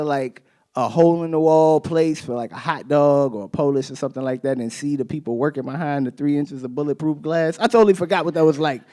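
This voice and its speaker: Man, stand-up comedian, animated storyteller, slightly high voice, stage mic. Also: clear, resonant tone. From Chicago, USA. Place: theater stage.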